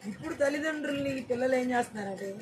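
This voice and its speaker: A high-voiced preacher drives a fervent church sermon. The preacher repeats lines and keeps demanding loud amens. Steady noise sits under the recording. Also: very fast.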